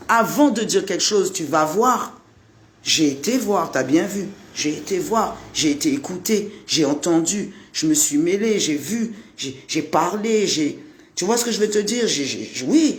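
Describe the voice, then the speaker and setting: A man's voice: high-pitched, slight background noise. A man from Guadeloupe giving an impassioned monologue, repeating his points and talking straight to the listener. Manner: repetitive, rhetorical, addresses the listener directly.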